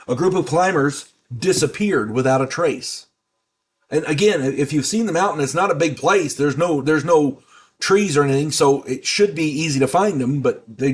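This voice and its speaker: An older man hosting his own channel, talking in a rambling, halting way with grumbling asides. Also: on the high side. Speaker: channel host. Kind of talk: casual monologue.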